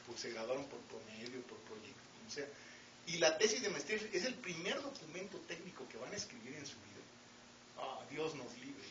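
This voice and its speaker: A middle-aged man with a Mexican accent lecturing students in an academic talk, with wry joking asides and frequent rhetorical questions. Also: high-pitched. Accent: Mexican Spanish. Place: lecture hall with audience. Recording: roomy, distant, dull, noisy lecture hall recording.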